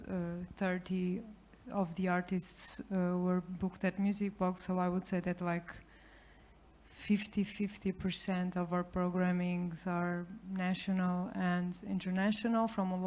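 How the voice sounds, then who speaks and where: A woman's voice: lowish voice, a little mellow. A woman panelist answering a question at a conference, hesitant and unsure of the exact figures. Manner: hesitant, estimating numbers. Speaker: panelist, booker.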